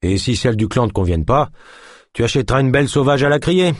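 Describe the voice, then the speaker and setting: A man playing a gruff, suspicious male guard who grumbles and speaks bluntly, read in an audiobook. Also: medium pitch, lively intonation, quick pace, dry recording, clean studio sound, voice pushed up, natural voice. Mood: teasing.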